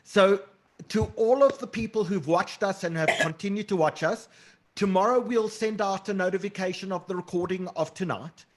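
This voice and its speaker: A man hosting a panel webinar, briskly putting audience questions to the panelists over a video call. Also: high voice. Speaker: webinar host. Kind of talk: moderating a panel Q&A.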